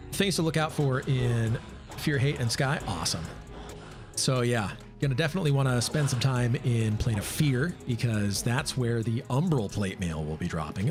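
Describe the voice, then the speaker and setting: Man game streamer, loose off-the-cuff chat with chat replies, mid pitch, music behind. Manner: casual, thinks aloud and answers chat, many fillers. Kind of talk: live gameplay commentary.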